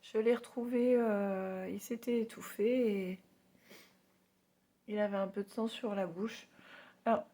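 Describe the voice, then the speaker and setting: A woman with a heavy cold, her nasal voice hoarse and giving out, chats casually and haltingly to her followers in a self-deprecating way. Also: mid-range voice, steady tone, dark tone. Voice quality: hoarse, worn voice with little power; nasal, congested. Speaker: spiritual medium vlogger. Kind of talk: casual personal storytelling to followers.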